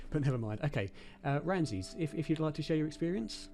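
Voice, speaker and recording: A man's voice: on the high side, lively intonation, normal speed, dark tone, soft background music. A man hosting an online research forum, polite and slightly self-deprecating. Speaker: host.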